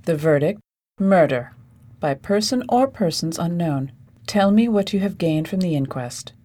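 A woman playing a brisk, authoritative lady detective in a radio play, speaking with precision. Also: lowish voice, lively intonation, warm tone. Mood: brisk, commanding. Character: brisk, commanding lady detective leading her assistant.

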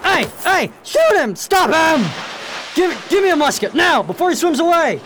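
An actor playing a brutal, hot-tempered pirate captain in a period radio drama, barking threats and orders. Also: male voice, very high-pitched, very animated, normal speed, noisy background. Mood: frantic fury.

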